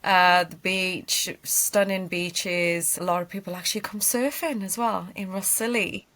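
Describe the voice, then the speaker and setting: A woman's voice: lowish voice, steady tone, measured pace, a bit bright. Woman, podcast guest, open chatty storytelling, lots of you knows. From Wales, UK. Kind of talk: personal life story interview.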